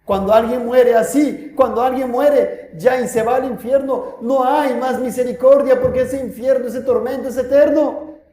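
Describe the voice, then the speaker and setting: High-voiced impassioned preacher. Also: male voice, steady tone, moderate pace, reverberant. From Peru. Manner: impassioned, rhetorical questions, swings from loud to hushed. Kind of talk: sermon. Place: church.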